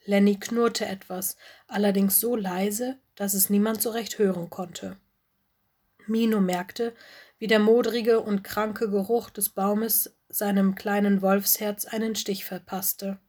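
A woman narrating a children's audiobook in a calm, gentle storytelling manner. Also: medium pitch, slow pace, breathy edge.

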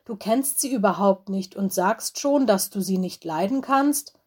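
A woman voicing a calm, friendly young male bear in a storybook reading. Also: medium pitch, measured pace, husky. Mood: chiding. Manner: easygoing, reassuring.

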